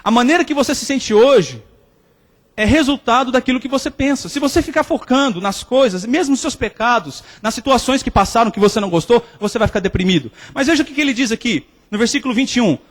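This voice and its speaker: A man's voice: very high-pitched, quick pace. A man preaching a sermon, telling stories and acting out the quoted voices. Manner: lively storytelling, acts out quotes. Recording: long hall reverb.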